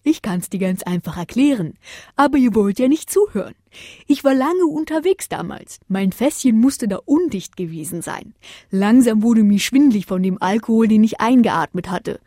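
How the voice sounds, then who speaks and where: A woman voicing a kind male Saint Bernard who speaks gently and calmly. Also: a little high, moderate pace, dry recording, clean studio sound, pitched above the performer's own voice. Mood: explaining.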